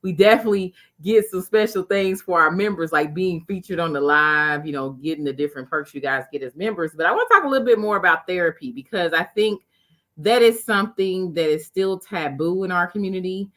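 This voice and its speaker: A woman with a Southern US accent hosts a live community interview. Her voice is a little low, and she talks casually, sprinkling "you know" through her questions. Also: a little fast, fairly bright tone. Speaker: chamber of commerce interview host.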